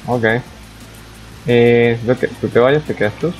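A man's voice: medium pitch, takes it slowly, a little mellow, muffled recording, faint music behind. Man casually narrating his gameplay. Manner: chatty, reacts aloud to the game, talks to himself. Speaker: gaming YouTuber. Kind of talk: casual let's-play commentary.

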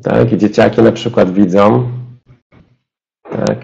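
A low, gravelly man's voice with a dark, mellow tone gives a step-by-step software demonstration. He speaks to his listeners directly, like a trainer in a webinar. The audio is dull and lo-fi. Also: steady tone, slow. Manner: explanatory, addresses listeners directly.

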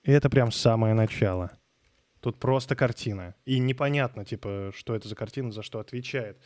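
A man's voice: mid-range voice, a little fast, a little mellow, no echo. A man live streaming a game into a close microphone, commenting informally, muttering in puzzlement, swearing and chatting with viewers. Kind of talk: casual gaming live stream commentary, reading and answering chat.

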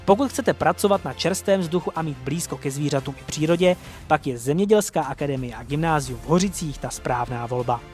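Young man narrating, formal and slightly high. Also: soft background music. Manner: formal, even delivery. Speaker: presenter. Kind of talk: scripted narration.

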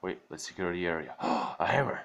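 A man's voice: sits low, animated, fairly quick, gravelly, fairly bright tone. A man giving casual gameplay commentary on a horror game, swearing, joking and chewing gum as he reads game text aloud. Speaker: gamer playing a horror game.

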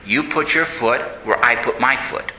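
A man preaching, voicing an angel who gives calm, firm instructions. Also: mid-range voice, moderate pace, echoey room, a little hiss or hum, pitched below the performer's own voice, low-quality recording. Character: calm guiding angel, commanding.

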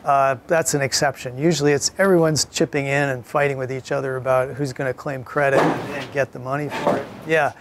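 A man's voice: mid-range voice, steady tone, a little fast, hardly any pauses. A man lecturing a college class in a conversational way, often repeating words as he thinks aloud.

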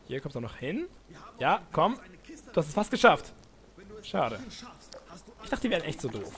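Excitable male gamer narrating his play, high and bouncy voice, game gunfire under it. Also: background noise. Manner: excitable, panicky yelps and nervous laughs. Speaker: let's play commentator. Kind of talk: casual gameplay commentary.

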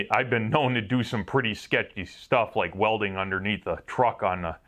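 A man's voice: lowish voice, fairly even intonation, moderate pace, fairly bright tone. A man with a Wisconsin accent, a welder casually reviewing work gear in a rambling, self-mocking way. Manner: rambling, offhand, self-mocking, with some swearing.

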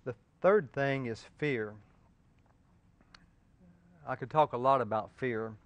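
A man preaching a sermon, swinging from loud pleading peaks to soft earnest talk and asking his listeners direct questions. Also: mid-range voice, slow, dry recording, lo-fi sound.

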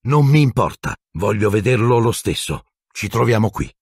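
A man's voice: on the low side, big pitch swings, a little fast, vocal fry, breathy edge, no echo, studio quality, full character voice. A man voicing an earnest teenage wizard boy who asks urgent, pleading questions. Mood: alarmed.

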